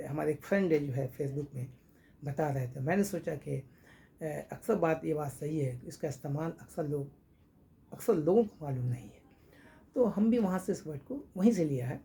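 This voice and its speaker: A man teaching spoken English in Hindi, repeating example phrases slowly and spelling words out letter by letter. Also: on the high side, vocal fry, mellow.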